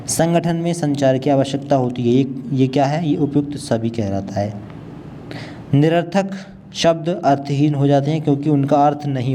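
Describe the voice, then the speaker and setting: A man working through multiple-choice exam questions and their answers in a steady, matter-of-fact way. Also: mid-range voice, a little hiss or hum. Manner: steady, matter-of-fact, repeats the right option. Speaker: teacher.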